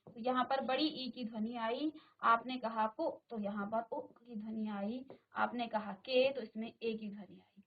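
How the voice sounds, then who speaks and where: A woman's voice: on the high side, muffled recording. A woman teacher giving a virtual classroom Hindi lesson, patiently repeating questions and speaking to her students directly. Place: studio classroom.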